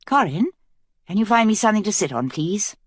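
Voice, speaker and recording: A woman's voice: medium pitch, expressive, a little fast, no echo, studio quality, pitched above the performer's own voice, close to an everyday voice. A woman voicing a young queen who speaks firmly and earnestly. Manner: firm, earnest.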